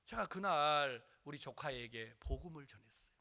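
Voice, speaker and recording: A man's voice: on the high side, animated, moderate pace, vocal fry, bright, forceful tone. A male pastor preaching a sermon, telling a story dramatically and acting out the voices.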